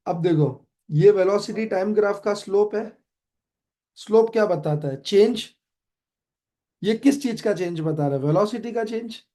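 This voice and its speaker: A man's voice: sits high, a little slow, warm tone. A young adult man with an Indian accent teaching a physics class, quizzing students as he goes and mixing Hindi with English. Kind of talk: online class lecture.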